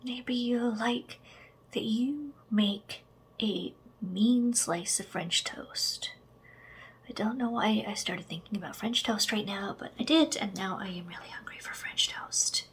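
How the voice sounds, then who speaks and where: This female ASMR creator has a husky, medium-pitched voice and whispers soft affirmations at a slow pace to the listener. Her gentle humor comes through in chatty side remarks.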